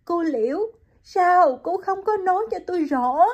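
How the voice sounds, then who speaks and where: A woman's voice: animated, a little slow, a little mellow, lo-fi sound. A woman voicing a heartbroken young mother in an audiobook, speaking in a choked, pleading way. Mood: distraught. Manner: choked, pleading and high-pitched.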